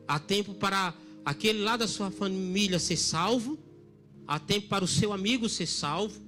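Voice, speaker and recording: A middle-aged man preaching a sermon at a church service, emphatic, dropping very soft for quoted lines. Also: sits high. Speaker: pastor.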